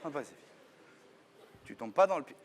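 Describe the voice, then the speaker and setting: A man in a comic stage sketch who talks in a hesitant, rambling way full of restarts and breaks into furious yelling. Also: on the high side, expressive, normal speed. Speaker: sketch partner who plays the show's presenter.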